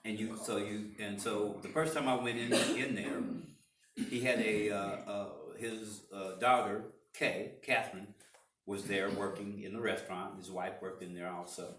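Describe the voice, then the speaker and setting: Man, 60s, low voice, rambling storyteller, lots of restarts, echoey room, distant mic. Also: steady tone, measured pace, fairly bright tone, slight background noise. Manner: rambling, with many restarts and fillers. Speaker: interviewee, parishioner. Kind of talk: casual interview storytelling. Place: church room.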